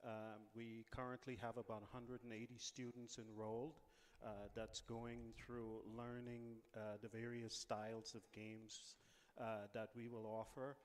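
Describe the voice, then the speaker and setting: A man from the Bahamas talks through interview questions at an unhurried pace, filling gaps with frequent pauses. His voice sits in a middle range and carries a long, hall-like reverb. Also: medium pitch. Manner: relaxed, many "uh" pauses. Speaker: casino executive guest. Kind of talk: interview answers.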